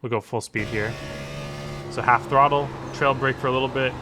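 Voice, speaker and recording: A man giving calm, methodical driving instruction while playing a racing game, often repeating key words. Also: medium pitch, moderate pace, noisy background. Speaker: sim racing coach. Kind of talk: instructional commentary over gameplay.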